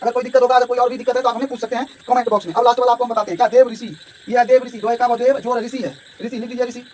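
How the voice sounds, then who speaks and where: Fast high-voiced male teacher. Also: little pitch movement, darkish tone. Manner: explanatory, repeats "ठीक है" and addresses students directly. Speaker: Hindi grammar teacher. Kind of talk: whiteboard grammar lesson. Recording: distant mic with faint background noise.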